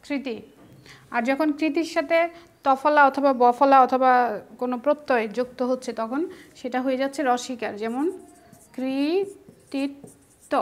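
Female teacher, Bangladeshi Bengali accent, high pitched, patient step-by-step online lesson delivery. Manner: patient, explains step by step to students.

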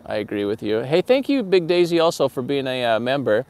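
A man in his forties livestreams at night from an outdoor parking lot, holding his phone at arm's length and chatting upbeat with viewers as the channel host. His mid-range voice is sing-song, brisk, slightly mellow, clear and resonant, with faint outdoor noise behind it.

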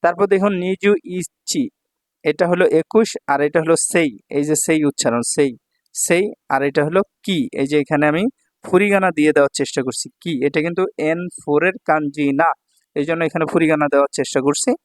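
A man's voice: fairly high pitch, fairly quick, no echo, clean studio sound. A man from Bangladesh teaching kanji in a patient, repetitive way, often checking that his students follow. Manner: patient, repeats words and checks understanding. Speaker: Japanese language teacher. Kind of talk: kanji lesson explanation. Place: Dhaka language center.

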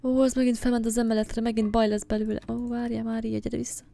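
A woman commentating her own horror game play in a slightly high voice. She is jumpy and swears, and she talks to the things on screen as she goes. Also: level tone, vocal fry, dark tone. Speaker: gaming channel host.

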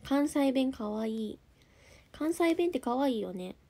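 A woman's voice: high voice, expressive, unhurried, dark tone. A young woman with a Kansai accent chatting casually on a livestream, reading out viewer comments and answering them. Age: young adult. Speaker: idol group member streaming live.

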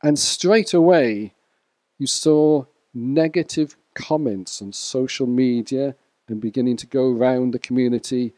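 A man preaching a sermon to a church congregation in a measured way, sometimes speaking to people in the room. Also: mid-range voice, warm tone, dry recording. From Wales.

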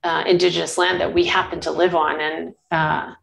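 A woman in her sixties talks in an earnest, meandering way, doubling back and restarting her sentences as she tells her stories. Her voice sits fairly low and has a gravelly, creaky edge. A faint hiss runs underneath. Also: level tone, normal speed, low-quality recording. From Canada. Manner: earnest, rambling storytelling with many restarts. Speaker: guest photographer. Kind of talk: casual interview conversation.

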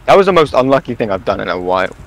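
A man's voice: mid-range voice, sing-song, racing, slight background noise, poor audio. A young man bantering casually with a friend while playing a game, teasing and mock-indignant. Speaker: gamer. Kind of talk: casual gaming chat.

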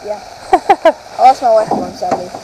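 Teenage boy, high voice, short excited remarks, off-mic on an action camera, loud background noise. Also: moderate pace. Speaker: younger brother. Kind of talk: casual chat. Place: outdoors on a pond.

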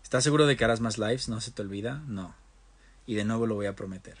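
A man's voice: fairly low pitch, fast, husky. A young man, chatting casually on a phone livestream, reading out viewer comments and switching between Spanish and English. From Mexico. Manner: reads viewer comments aloud and answers them in turns. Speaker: livestream host.

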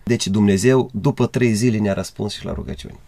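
A man tells his testimony with animation, his voice leaping upward whenever he acts out remembered conversations. His tone is gravelly, and the recording is dry and close, with no room sound. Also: no echo. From Republic of Moldova. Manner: animated, voice climbs high in retold dialogue. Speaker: guest evangelist. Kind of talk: emotional testimony storytelling.

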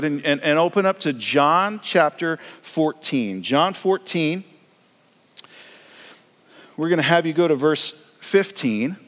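A man preaching a sermon as pastor, in a relaxed, storytelling way with frequent restarts. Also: mid-range voice, long reverb tail.

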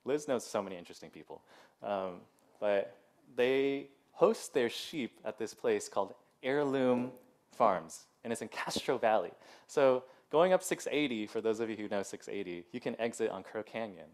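A man's voice: lowish voice, expressive, moderate pace, darkish tone. A man in his thirties giving a casual sermon as pastor in a church, chatty and full of "like" and "um", with laughing asides. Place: church sanctuary.

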